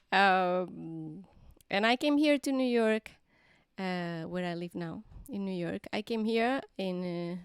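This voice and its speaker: A woman with a Spanish accent, from southern Spain, chatting casually to viewers on a live stream, with halting restarts and many fillers. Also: medium pitch, clean tone, no echo, clean studio sound. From Granada, southern Spain. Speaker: singer-songwriter hosting a live stream.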